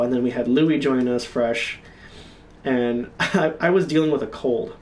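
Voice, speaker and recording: A man hosting a gaming channel, telling stories in a rambling, halting way with lots of swearing. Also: medium pitch, a little mellow, recorded from a distance. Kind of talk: casual solo storytelling stream.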